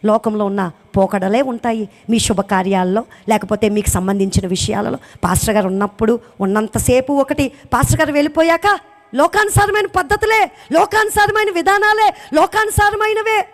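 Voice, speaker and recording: In this testimony sermon, a woman who has just lost her husband addresses the church with deep passion. She talks a little fast, asks question after rhetorical question, and rises loud and high on her emphasis.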